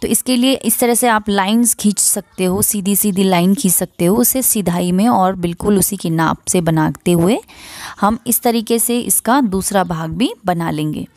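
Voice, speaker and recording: A woman's voice: medium pitch, normal speed, a little mellow, no room sound. A woman teaching a step-by-step drawing lesson, explaining each stroke patiently to her students and checking in with them as she goes. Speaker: art teacher.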